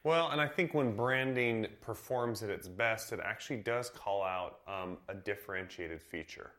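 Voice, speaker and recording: A man from Idaho in a casual podcast chat, relaxed and reflective, restarting phrases as he goes. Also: lowish voice, moderate pace.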